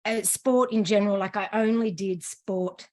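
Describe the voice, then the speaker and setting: An Australian woman, a running coach, talking as a guest in a relaxed, self-deprecating way. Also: mid-range voice, normal speed. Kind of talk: casual interview chat.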